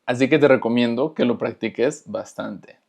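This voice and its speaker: A man teaching an online language lesson, explaining patiently and repeating example words slowly to model their pronunciation. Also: mid-range voice, creaky, darkish tone. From Latin America. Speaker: Portuguese teacher.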